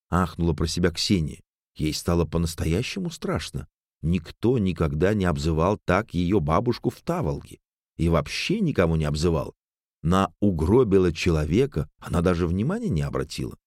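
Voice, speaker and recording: A man narrates an audiobook in a very deep voice. He is recorded close to the mic in a dry, dead room with no echo. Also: big pitch swings, normal speed, darkish tone.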